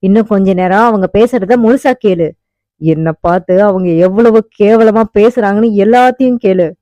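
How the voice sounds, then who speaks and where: A woman's voice: mid-range voice, moderate pace, dark tone, no echo, natural voice. A woman voicing an anguished young husband who pleads at a hospital bedside and turns fierce when angered, on a dull, dry recording. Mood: pleading. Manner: pleading then commanding. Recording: dull, muffled audiobook recording.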